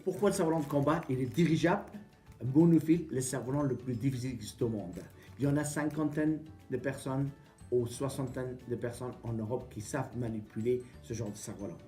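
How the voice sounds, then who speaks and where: A man from Afghanistan, giving a casual how-to demonstration of a kite kit in plain, halting sentences with small grammar slips. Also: medium pitch, warm tone.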